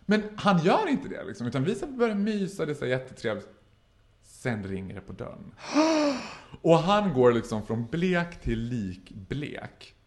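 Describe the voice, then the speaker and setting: A man's voice: mid-range voice, sing-song. A man telling a wild anecdote in casual chat, acting out the voices and laughing often. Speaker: podcast guest.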